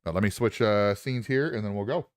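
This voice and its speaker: A man's voice: fairly low pitch, brisk, clean tone, no room sound. A man streaming casually in a groggy morning voice, rambling upbeat into a lapel mic. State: low morning voice. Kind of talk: casual livestream chat.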